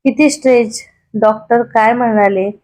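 A woman's voice: a little high, steady tone, unhurried, darkish tone, close to an everyday voice. A woman voicing a devoted young woman who speaks earnestly and pleadingly in a storybook reading.

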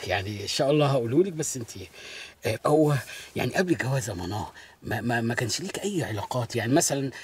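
A man's voice: mid-range voice, lively intonation, racing, husky. An actor playing a nervous, whiny young husband who pleads with his grandmother in a film comedy. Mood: awkward tender.

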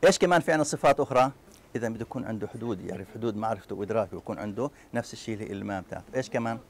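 A man with a Palestinian Arabic accent giving a university lecture, talking straight to his students with quick asides and acted-out little scenes. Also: lowish voice, a little hiss or hum. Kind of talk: classroom lecture.

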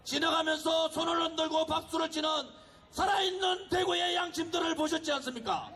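A man giving a fiery political speech at an outdoor street rally, shouting and exhorting the crowd. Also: very high voice, steady tone, a little fast, a little hiss or hum.

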